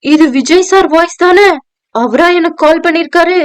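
A woman's voice: sits high, moderate pace, clear, resonant tone, dry recording, natural voice. A woman voicing a polite, anxious young working woman who speaks respectfully to her boss, in an audio novel. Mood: startled. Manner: hesitant, respectful, addressing a superior. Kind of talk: audio novel dialogue reading.

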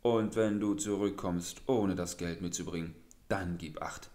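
A man voicing an indignant village wife who scolds loudly in a raised, shrill voice. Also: wildly swooping pitch, moderate pace, reverberant. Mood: furious.

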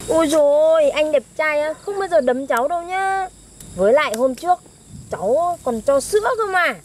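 A young woman fires off mocking quips in a comedy sketch. Her high voice jumps all over the place. Crickets chirp faintly behind her outdoors. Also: animated, normal speed, a little hiss or hum. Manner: sharp-tongued, mocking. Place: outdoors in a field.

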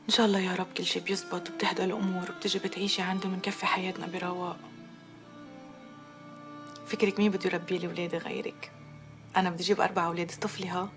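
A woman's voice: on the low side, natural voice. An actress playing a defiant young woman who has just married, speaking. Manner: defiant, then soft and whispery on the phone. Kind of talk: TV drama acting.

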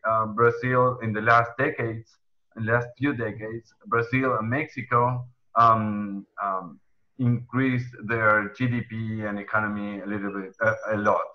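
Moderating a webinar panel from a room at home, a young Argentine man talks through headset earphones on a video call. His accent is Argentine Spanish, his voice mid-range, and the sound lo-fi; his delivery is hesitant, packed with ums and restarts.

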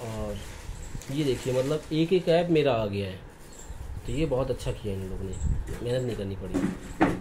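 A man's voice: mid-range voice, normal speed, pauses often, background noise. A young man chatting casually in a vlog, recorded on a phone camera, laughing at himself now and then. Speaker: vlogger.

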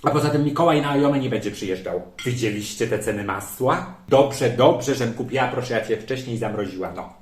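A man's voice: medium pitch, fairly quick, hardly any pauses, natural voice. A man playing a bossy, nosy middle-aged aunt who nags her family at a holiday dinner, in an echoey room. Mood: nagging. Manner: fussy, nagging, meddling, sharp-tongued. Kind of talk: comedy sketch role-play.

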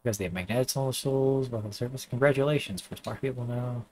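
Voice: mid-range voice, fast talker, a little mellow. A person doing casual, profane video game commentary, wryly bantering back at the characters. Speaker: gameplay commentator.

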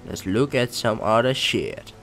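A man giving casual commentary while playing a game, excitable and often swearing or exclaiming. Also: medium pitch, slow, soft background music. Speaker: let's-play gamer.

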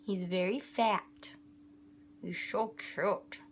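A young woman in casual vlog chat at home, talking into a phone held at arm's length, chatty and rushed, often dropping into a whisper. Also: mid-range voice, fairly even intonation, slight background noise. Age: young adult. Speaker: vlogger. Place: home bedroom, indoors.

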